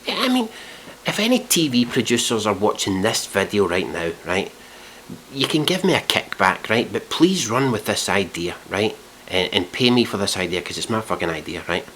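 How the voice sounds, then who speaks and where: A man's voice: lowish voice, very animated, moderate pace, fairly bright tone, a little hiss or hum. A man ranting in a casual review video, exasperated and swearing a lot. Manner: exasperated, heavily profane, mock-outraged.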